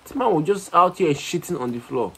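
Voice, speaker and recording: Excitable slangy man narrating gameplay. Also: a little high, fairly quick, vocal fry, slight background noise, rough recording. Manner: excitable, swearing, slangy, thinks aloud. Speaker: gamer playing a horror game. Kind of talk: casual gameplay commentary.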